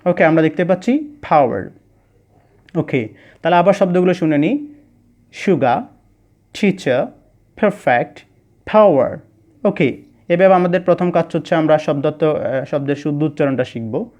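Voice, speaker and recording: A man teaching an online English lesson, explaining slowly, repeating words for pronunciation practice and mixing English phrases into his talk. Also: fairly high pitch, a little mellow. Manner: mixes English phrases into Bengali speech.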